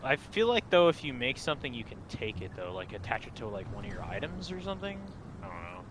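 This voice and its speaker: Lively-voiced man running a tabletop game. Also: mid-range voice, quick pace, background noise. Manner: crude, teasing jokes. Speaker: game master. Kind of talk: casual tabletop game banter.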